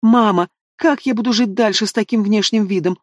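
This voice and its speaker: A shrill, spiteful young woman who screams and sobs her complaints, as a male narrator puts her on. The voice sits high and the recording is dry and close, with no room around it. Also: fairly quick, no room sound. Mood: sobbing. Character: spiteful young woman, sister, bald, tearful.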